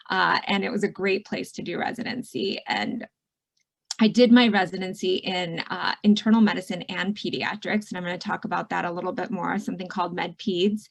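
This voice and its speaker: Woman, middle-aged, from Michigan, physician, casual video-call talk, chatty with fillers, some vocal fry. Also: mid-range voice. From Michigan, USA. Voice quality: warm, chatty, many fillers. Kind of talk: casual online presentation. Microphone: video call mic.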